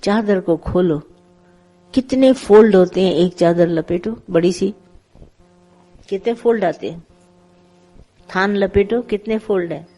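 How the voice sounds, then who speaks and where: A middle-aged woman gives a devotional satsang discourse in a warm, mellow voice. She speaks conversationally to a seated group, tells parables and acts out the quotes in them. Her pitch sits at an ordinary middle height for a woman. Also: a little slow, pauses often, rough recording. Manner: conversational, tells parables with acted quotes, mixes English words. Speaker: spiritual teacher leading satsang.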